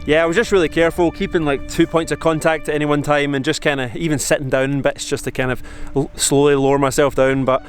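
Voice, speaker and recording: A man's voice: fairly high pitch, little pitch movement, faint music behind. Reflective Scottish man in his forties. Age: 40s. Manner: halting, reflective, many restarts and fillers. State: shivering in the cold. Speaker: vlogger. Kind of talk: casual talk to camera. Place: outdoors on a mountain.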